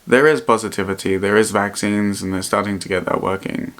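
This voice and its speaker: A man vlogging in a reflective, personal way, speaking earnestly and haltingly and often repeating his phrases. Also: on the low side, fairly even intonation, a bit bright. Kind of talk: personal vlog to camera, reflective talk.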